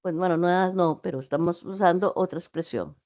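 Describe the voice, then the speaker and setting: A woman's voice: lowish voice, fairly quick, a little mellow, lo-fi sound. A woman giving an online class lecture, patiently explaining with spoken examples. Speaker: teacher.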